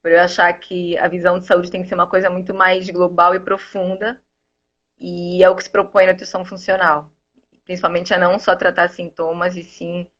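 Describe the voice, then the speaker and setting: A woman's voice: on the low side, fairly bright tone. Woman with muffled lo-fi audio. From Angola. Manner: explanatory, thinking aloud. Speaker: nutritionist guest. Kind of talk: live video interview. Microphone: earphone mic.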